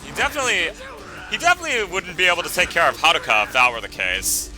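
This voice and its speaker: A man doing casual let's play commentary, halting and stammering as he rephrases his thoughts. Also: fairly high pitch, very animated, sharp tone, faint music behind, low-quality recording. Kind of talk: casual rambling game commentary.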